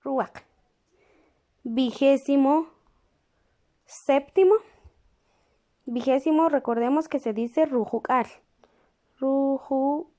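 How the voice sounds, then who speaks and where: A woman teaching a lesson, speaking patiently and pausing to check in with the class. She repeats each word slowly while writing it down. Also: sits high, mellow. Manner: checks in with the class through questions. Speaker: language teacher.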